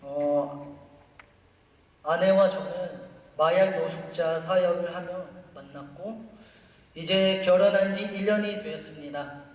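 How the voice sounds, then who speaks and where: Distant reverberant hall recording, high-pitched man, careful halting delivery, prepared church greeting. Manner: careful, halting non-native-sounding Korean. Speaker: newly appointed youth ministry worker. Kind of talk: prepared greeting read to a congregation. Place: large church hall during a service. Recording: echoey hall, distant mic, faint noise.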